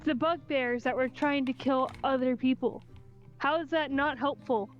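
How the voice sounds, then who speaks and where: Girl playing tabletop rpg, really high voice, casual chat, kinda muffled mic, music in the back. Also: steady tone, moderate pace. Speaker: tabletop role-play player. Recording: slightly dull audio over music.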